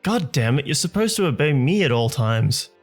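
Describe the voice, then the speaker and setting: A man voicing a sinister, gloating young male card duelist who taunts and shouts, over faint music. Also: fairly high pitch, sing-song, normal speed, voice pushed up.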